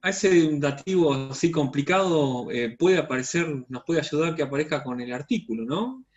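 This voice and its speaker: A male student asks a tentative question during an online class. His voice is on the high side and comes through muffled and dull, as if from a distant mic. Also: expressive, normal speed.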